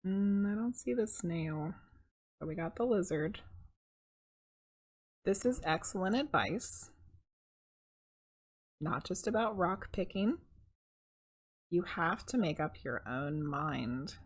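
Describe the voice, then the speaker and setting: In a rough recording, a middle-aged woman with a lowish, slightly husky voice reads a picture book for children. She takes it slowly with long pauses, staying expressive and conversational and chatting casually with her viewers.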